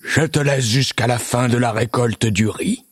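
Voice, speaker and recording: A horrible river monster from a children's audio story, played by a man, shouting his threats in a raised, strained voice. He sneers and menaces, and the recording stays dry and close. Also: medium pitch, a little slow, slightly rough, dry recording, pitched above the performer's own voice. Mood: menacing.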